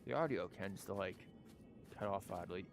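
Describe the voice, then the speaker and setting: A streamer with a low, creaky voice talks at a normal speed while playing a video game. His live commentary is casual, joking and sweary, and game music plays in the background.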